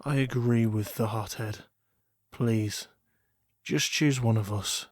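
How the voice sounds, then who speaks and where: A man's voice: mid-range voice, takes it slowly, no room sound, clean studio sound. Man acting a composed, jealous rich yandere man. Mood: restrained devotion. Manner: yandere, composed, formal, wounded devotion. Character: wealthy, self-controlled yandere man, jealous but restrained. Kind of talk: dramatic audio role-play.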